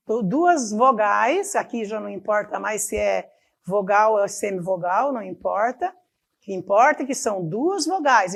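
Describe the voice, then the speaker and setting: A Brazilian woman with an Amazonas accent teaches a recorded lesson at an unhurried pace. Her voice sits a little high. She draws out each example word and keeps asking whether the class follows. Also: creaky. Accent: Amazonas Brazilian Portuguese. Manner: slow and deliberate, stretching example words, checking in with "tá bom?".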